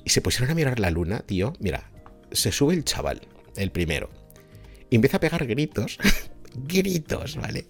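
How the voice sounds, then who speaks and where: A man with a Spanish accent from Spain, a science communicator telling a story to his viewers in a lively, laughing way, often adding a checking "¿no?". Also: medium pitch, moderate pace, vocal fry, pauses often, husky, soft background music.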